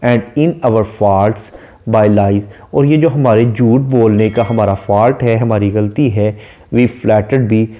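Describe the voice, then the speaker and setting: Dark-voiced man lecturing on poetry. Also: lowish voice. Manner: reads English verse lines slowly, then explains them in Urdu-flavoured Hindi. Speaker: literature lecturer. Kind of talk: lecture explaining a poem line by line.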